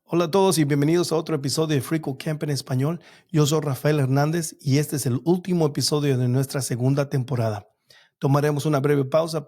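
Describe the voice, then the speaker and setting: A man's voice: mid-range voice, mellow. A man hosting a podcast, reading introductions from a script and then asking questions with some hesitation. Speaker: podcast host.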